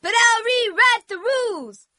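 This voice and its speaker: A woman's voice: very high voice, unhurried, sharp tone, dry recording, clean studio sound. A woman recording one line again and again, giggling between takes. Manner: giggly, repeats a line over and over.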